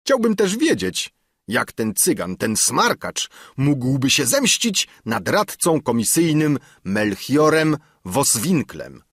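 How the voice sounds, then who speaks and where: A man's voice: mid-range voice, wildly swooping pitch, slow pace, breathy edge, no echo, studio quality, pitched above the performer's own voice, heavily acted. A man voicing a pompous old councillor who is easily frightened and bursts into indignant exclamations. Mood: alarmed, indignant.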